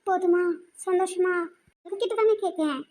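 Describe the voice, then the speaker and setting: A woman voicing an anxious, tearful young woman student in a cartoon, fretful and quick to argue. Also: extremely high pitch, mellow. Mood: upset, sulky. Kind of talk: cartoon voice acting.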